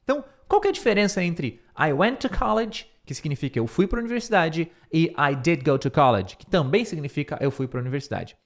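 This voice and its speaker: A middle-aged man giving an English lesson in a voice pitched a little high for a man. He walks through the text line by line, repeating words slowly so learners can copy the pronunciation. He thinks aloud and corrects himself mid-sentence. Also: lively intonation. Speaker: English teacher.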